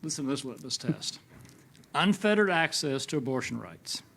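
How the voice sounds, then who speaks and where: A man's voice: medium pitch, big pitch swings, moderate pace, creaky, a bit bright. A man moderating a political panel, addressing the panelists and putting questions to them.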